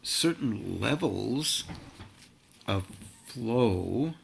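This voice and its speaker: A man giving a meditative spiritual talk in slow, halting, drawn-out phrases. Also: fairly low pitch, lively intonation, vocal fry, a little hiss or hum. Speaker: spiritual teacher.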